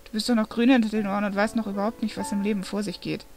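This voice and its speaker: A woman reading aloud voices a secretive, condescending male angel who mocks and doubts in a raised, lively voice. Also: medium pitch, very fast, faint music behind, close to an everyday voice. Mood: mocking. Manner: mocking, incredulous.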